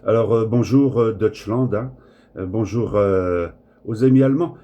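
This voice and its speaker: Chatting as a ham radio operator, this husky man rambles and hesitates in a friendly-paced French radio-contact style. His voice is lowish and a little slow, and the audio sounds dull.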